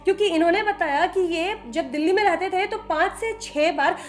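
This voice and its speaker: A young woman vlogger telling a story to her viewers in an animated, chatty way. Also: extremely high pitch, normal speed, soft background music. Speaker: vlogger narrating a trip. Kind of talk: casual storytelling vlog.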